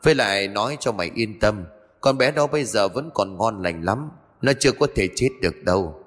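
A man's voice: fairly low pitch, expressive, brisk, a bit bright, long reverb tail. Man voicing a menacing, domineering ghost. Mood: smug. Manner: threatening, commanding.

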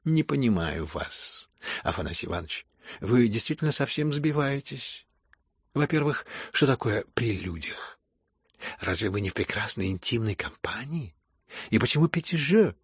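A man reading an audiobook and voicing a proud, sharp-tongued young hostess who mocks her guests. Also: medium pitch, very animated, normal speed, slightly rough, no echo, clean studio sound. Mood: mocking, indignant. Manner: sharp, mocking, challenging. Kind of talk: audiobook character voice.

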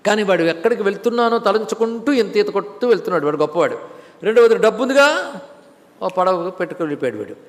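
A male spiritual lecturer giving a devotional scripture discourse, chanting verses in a sung cadence and then explaining them with lively storytelling. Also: sits high, fast talker. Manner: storytelling with lively rises and drops. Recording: long hall reverb.

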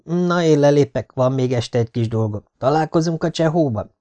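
A man's voice: a little high, warm tone, voice pushed up, natural voice. Man doing a brash young ballplayer. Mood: breezy. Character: cocky young male ballplayer, joking brother.

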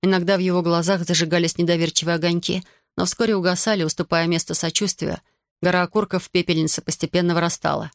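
A man reading an audiobook as narrator in an even, measured way. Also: sits high, gravelly, no echo, clean studio sound. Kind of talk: scripted narration.

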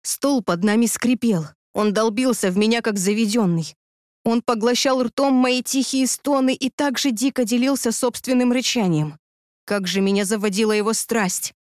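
A woman narrating a first-person audiobook in an expressive, breathy reading voice. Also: fairly high pitch, moderate pace, dry recording, studio quality.

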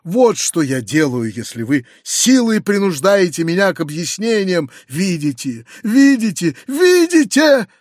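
A man performs a self-righteous older man in an audiobook, haughty and preachy. His voice sits somewhat high, climbing into shrill shrieks of wounded virtue. The sound is close and dry. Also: animated, normal speed, hardly any pauses, dry recording, natural voice. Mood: shrieking fury. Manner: haughty, sanctimonious, shrieks when enraged. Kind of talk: audiobook reading.

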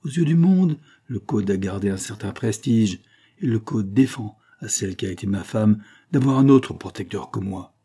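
A man's voice: lowish voice, animated, normal speed, mellow, breathy edge. A man reading a novel aloud voices a bitter, menacing husband, sarcastic and vehement, his voice raised above his narration. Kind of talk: audiobook character reading.

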